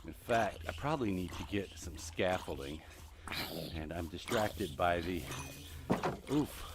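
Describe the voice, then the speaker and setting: A man's voice: low-pitched, expressive, unhurried, background noise. Breathless man chatting while gaming. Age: middle-aged. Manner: chatty, rambling, talks to game mobs. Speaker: host. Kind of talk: live gameplay commentary.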